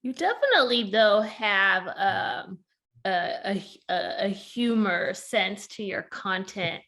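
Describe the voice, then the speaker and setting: A woman's voice: mid-range voice, animated, slow, bright, forceful tone. A woman co-hosting a podcast, asking questions in an enthusiastic, chatty way. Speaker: podcast co-host. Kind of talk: podcast interview.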